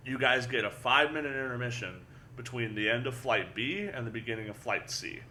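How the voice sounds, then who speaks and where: A young man with a bright, forceful voice tells a story with lots of energy, swearing freely and stumbling over repeated words. His pitch sits in the middle range. Faint noise hums in the background. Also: brisk. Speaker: guest powerlifter. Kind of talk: casual storytelling chat.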